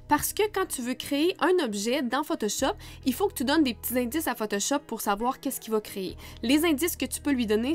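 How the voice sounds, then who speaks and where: A woman photographer with a Quebec French accent, teaching in a chatty, casual way with frequent laughs. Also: on the high side. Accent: Québécois French. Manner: chatty, laughs often, many fillers. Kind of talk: casual screen-recorded tutorial.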